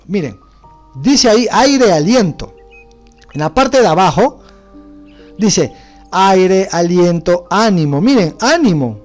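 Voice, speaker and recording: A man gives a religious studies lecture, walking his class through word meanings step by step and dropping frequent rhetorical checks to see that everyone follows. His voice sits somewhat high for a man, and faint music runs underneath. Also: a little mellow. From Bolivia. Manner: explanatory, asks rhetorical questions with frequent "¿no?". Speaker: teacher.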